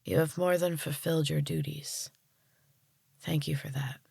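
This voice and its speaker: A woman voicing a solemn young woman slowly turning into a tree creature, speaking in a breathy, strained, hushed way. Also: sits low, expressive, no room sound, clean studio sound, heavily acted.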